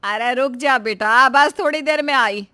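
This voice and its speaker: A woman's voice: on the high side, lively intonation, normal speed, a bit bright, dry recording, clean studio sound. A woman voicing a doting cartoon mother. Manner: affectionate, fussing motherly tone. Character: caring middle-aged mother, doting and reassuring. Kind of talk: cartoon voice acting.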